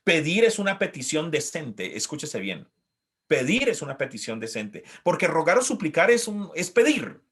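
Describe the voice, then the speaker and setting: A male pastor preaching a sermon, acting out pleas and quoted voices and swinging from loud to hushed. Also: fairly high pitch, sing-song, moderate pace, breathy edge.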